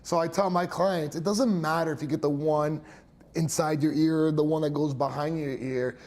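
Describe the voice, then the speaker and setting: This young hearing care professional, who has Italian heritage, has a fairly high, darkish voice with rather even intonation and a moderate pace. Chatty and full of fillers and little laughs, he explains his clinic while answering interview questions.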